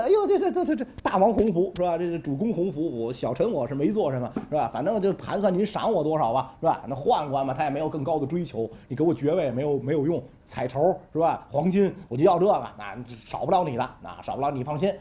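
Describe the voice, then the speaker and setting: A storyteller spinning ancient history as a comic tale, chatty and full of asides. The pitch swings widely, keeping the telling lively. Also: quick pace, few pauses. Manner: chatty, colloquial asides, frequent "right?".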